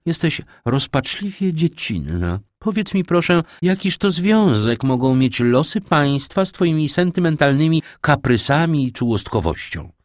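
A man's voice: fairly high pitch, big pitch swings, unhurried, hardly any pauses, dry recording, clean studio sound, voice pushed up. A man voicing a haughty aristocratic older woman in an audiobook, dismissive and scolding.

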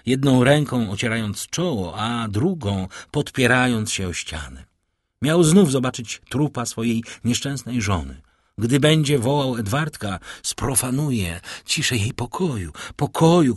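Husky-voiced male audiobook narrator. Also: mid-range voice, unhurried, no room sound, clean studio sound. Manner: expressive, lively storytelling.

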